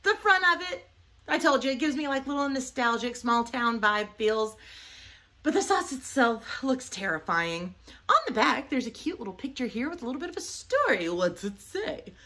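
A woman's voice: fairly high pitch, very animated, moderate pace, pushed and bright. A middle-aged woman reviewing hot sauces in a casual vlog, playful and jokey, often laughing.

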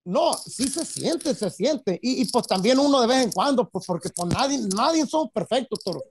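Very high-pitched and animated, the man talks a little fast over a faint hiss or hum. He's a musician guest with a Mexican Spanish accent in a casual interview chat, wandering through his thoughts with many fillers and tag questions.

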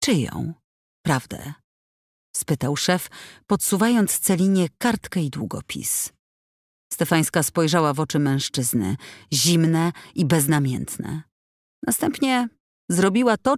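A woman narrating a novel as a professional audiobook reader, measured and even, recorded on a close studio mic. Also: on the low side, no room sound.

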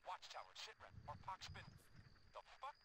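A man's voice: sits high, huge pitch swings, moderate pace, exaggerated voice. An actor playing a tense male military radio dispatcher, heard over a walkie-talkie and speaking in clipped radio procedure. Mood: alarmed. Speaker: military radio operator in a game. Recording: loud game noise behind radio.

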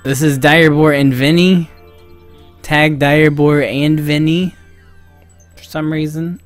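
A young man livestreaming video games chats with viewers in a slightly high, flat voice, speaking a little slowly. He rambles in a distracted, self-mocking way. Background music plays, and he talks into a boom-arm microphone.

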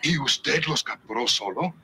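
A man with a Mexican accent playing a steady small-town sheriff in a classic film comedy, speaking in a measured way. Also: medium pitch, very noisy. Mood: stern.

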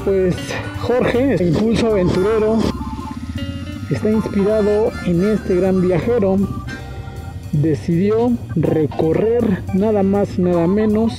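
A man's voice: sits high, poor audio. A man with a Mexican accent chatting casually and loosely while riding a motorcycle through city streets, full of fillers. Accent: Mexican Spanish. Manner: relaxed, chatty, with many fillers. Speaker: motovlogger. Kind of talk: casual motovlog narration. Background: loud background music.

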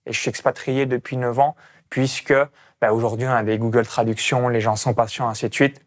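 A man's voice: mid-range voice, little pitch movement, brisk. A man from France with a Burgundy accent, hosting a casual interview and talking emphatically with many fillers. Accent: Burgundy French. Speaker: host.

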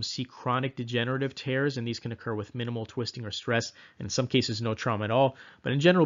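Male instructor, mid pitch, relaxed lecture with ums, somewhat muffled recording. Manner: casual, self-deprecating, repeats mnemonics with filler ums. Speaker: exam review instructor. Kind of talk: recorded exam-prep lecture.

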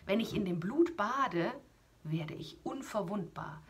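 A woman voicing a bold, fearless young hero in a storybook reading, with a very breathy voice. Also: medium pitch, lively intonation, unhurried, voice pushed up.

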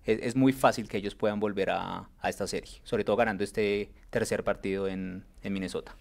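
A man with a Colombian accent on a basketball panel, speaking in a measured way. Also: on the low side, steady tone, gravelly. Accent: Colombian Spanish. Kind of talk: casual basketball panel talk.

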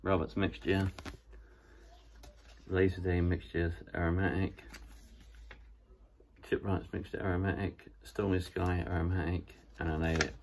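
A man's voice: deep voice, little pitch movement, measured pace, long pauses, slight background noise. A man reviewing pipe tobacco in a casual, musing way, talking with a pipe clenched in his mouth. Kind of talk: casual tasting commentary.

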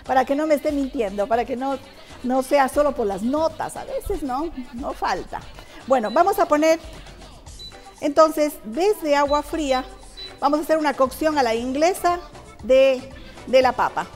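A woman's voice: sits high, moderate pace, darkish tone, soft background music. A middle-aged woman, a cooking teacher on a TV show, chatting with viewers and explaining each technique step by step. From Ecuador. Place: TV studio kitchen.

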